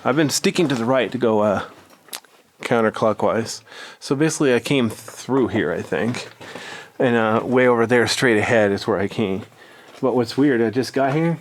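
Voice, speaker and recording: A man's voice: mid-range voice, moderate pace. Man filming a cave vlog, noisy audio. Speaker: cave explorer filming his trip. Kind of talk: casual vlog narration. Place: inside a cave, lava tube. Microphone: action camera mic.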